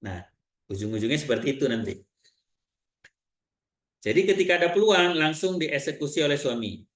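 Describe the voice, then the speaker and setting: A man with an Indonesian accent giving a seminar talk, telling client stories in lively quoted dialogue. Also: on the high side, normal speed, reverberant. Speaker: seminar trainer.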